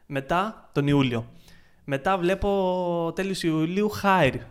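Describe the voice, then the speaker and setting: Excitable man, high voice. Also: clean tone. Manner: excitable, swearing, retelling frustration with many restarts. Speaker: podcast co-host, freelance ads marketer. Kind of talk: casual podcast chat.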